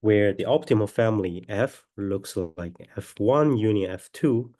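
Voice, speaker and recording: This man's lowish, dark voice carries a stuffy, cold-blocked nose as he lectures on a math proof. He takes it step by step with a halting, deliberate pace.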